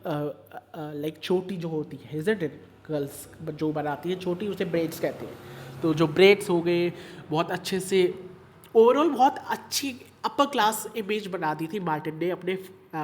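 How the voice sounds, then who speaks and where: A man's voice: on the high side, unhurried, a little hiss or hum. A man teaching an online class, mixing Hindi and English, repeating points and checking in with students often. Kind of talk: online class explaining a story.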